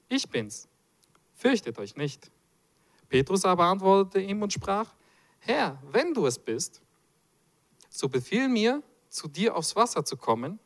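A man preaching a sermon in a church, reading from the Bible and joking with the congregation. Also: a little high. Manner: animated, playful asides to the congregation.

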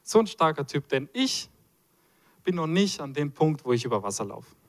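A man preaching, his voice sitting high and swooping up and down as he talks. He reads scripture and breaks into playful asides to the congregation. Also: sing-song, normal speed. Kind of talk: lively sermon with Bible reading.

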